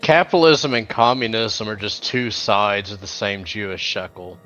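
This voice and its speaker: A man's voice: lowish voice, normal speed, bright, forceful tone, highs cut off, soft background music. A man in a casual voice-call chat, asking blunt questions in a rambling, hesitant way.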